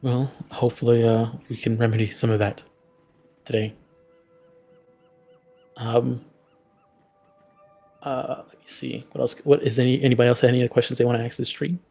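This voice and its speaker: A man playing a tabletop game, chatting casually and haltingly, often circling back on his phrases. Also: medium pitch, level tone, gravelly, warm tone, soft background music.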